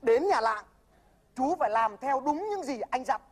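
A woman's voice: high-pitched, expressive, normal speed, husky. A woman playing a cocky, bossy older-brother mentor who lectures. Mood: lecturing. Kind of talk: comedy sketch acting.

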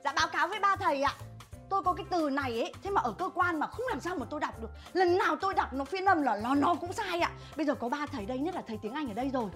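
An actress playing a sharp-tongued middle-aged mother who scolds fake tutors in a comedy sketch. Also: high-pitched, lively intonation, very fast, soft background music. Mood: polite. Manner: scolding, mocking.

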